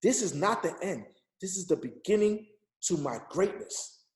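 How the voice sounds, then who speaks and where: On a reverberant group call, a motivational speaker in his thirties delivers an insistent, repetitive pep talk in the manner of a preacher. His voice sits high and is very animated, at a normal speed.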